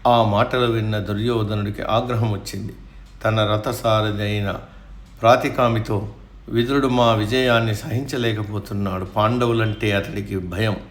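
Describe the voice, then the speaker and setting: Low-voiced man narrating an epic. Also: steady tone, normal speed, echoey room. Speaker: storyteller.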